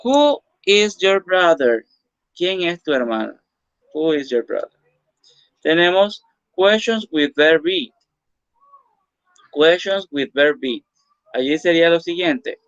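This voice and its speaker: A man teaching an English lesson, saying English phrases slowly, then translating and explaining them, and checking in with "ok?". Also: fairly high pitch, a bit bright, smooth, no room sound. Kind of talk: recorded classroom lesson. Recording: dull lo-fi dry recording.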